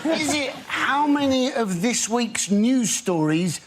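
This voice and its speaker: Slow-drawling comedy panellist man. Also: very high-pitched, lively intonation. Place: TV studio with audience. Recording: noisy studio recording.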